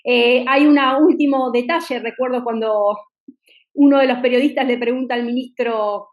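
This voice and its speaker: A high-pitched woman hosts an interview. She argues emphatically, stacking points and tossing in rhetorical tag questions. Her delivery is passionate and persuasive. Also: steady tone, normal speed, highs cut off. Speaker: interview host. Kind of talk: political interview talk.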